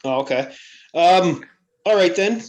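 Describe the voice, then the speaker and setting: A man's voice: high-pitched, animated, a little slow, a little mellow. A man hosting a podcast, telling stories in a chatty way with lots of fillers. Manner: chatty storyteller, many you-know fillers. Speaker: podcast host. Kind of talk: casual chat.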